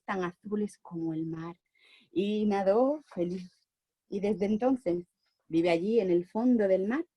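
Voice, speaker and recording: This medium-pitched storyteller and educator, a woman with a Spain Spanish accent, brings a children's tale to life, swinging from bright to hushed tones. The recording is studio quality with no echo.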